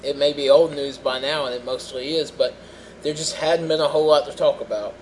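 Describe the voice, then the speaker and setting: A young man with a slightly raised pitch co-hosts a casual podcast. He has the hiccups and talks in a rambling, jokey way, full of restarts. A faint air-conditioner hum sits behind his voice. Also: steady tone, a little fast, darkish tone, rough recording. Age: young adult. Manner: rambling, self-interrupting, jokey. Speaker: podcast co-host.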